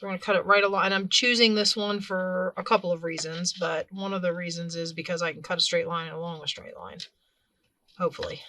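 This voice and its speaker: A craft video host with a bright, clear but lowish voice talks quickly through a hands-on tutorial, relaxed and chatty. Her hands stay busy as she narrates, and she often rephrases or corrects herself partway through a sentence. There's a little hiss or hum.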